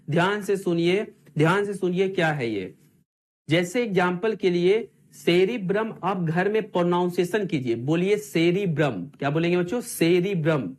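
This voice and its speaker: A man teaching an online exam-prep class, asking his students the same questions again and again in call-and-response drills. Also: high voice.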